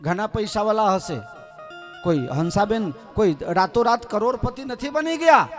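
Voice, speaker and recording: A man's voice: high voice, expressive, a little slow, faint music behind. A man from Gujarat preaching a devotional scripture story, with humorous asides to the audience. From Gujarat, India. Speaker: katha preacher.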